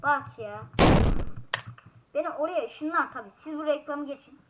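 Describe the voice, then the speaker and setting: A woman giving casual gameplay commentary as a YouTuber, frustrated and swearing loudly at the game. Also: high voice, unhurried, noisy background. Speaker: gaming YouTuber. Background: loud game music.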